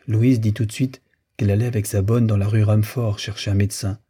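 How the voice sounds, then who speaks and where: Dark husky male audiobook narrator. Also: on the low side, flat delivery, brisk. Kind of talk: scripted literary narration.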